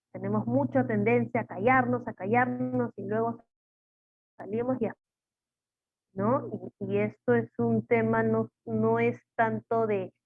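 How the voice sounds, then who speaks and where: A woman's voice: medium pitch, breathy edge, dry recording. A woman psychologist giving a webinar talk, teaching with strings of rhetorical questions. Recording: tinny phone-like call audio, dry.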